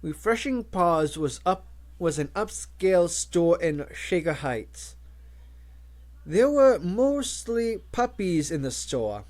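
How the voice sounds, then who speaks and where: A male audiobook reader narrating a novel. His voice sits a touch high and moves expressively, with plenty of rise and fall. He reads at a slow, unhurried pace. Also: sing-song, darkish tone. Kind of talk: audiobook reading.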